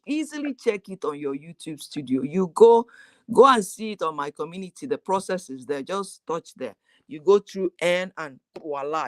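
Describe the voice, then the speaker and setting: A woman guest talks over a remote call in a lively, chatty way and laughs easily. Her voice comes through dry and close, with no room sound around it. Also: fairly low pitch, no room sound. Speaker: guest YouTuber. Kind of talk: casual live chat.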